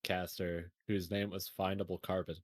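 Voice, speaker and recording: A man's voice: low-pitched, flat delivery, moderate pace, no echo, clean studio sound. A man co-hosting a podcast, joking and laughing often in casual banter about video games. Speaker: podcast co-host.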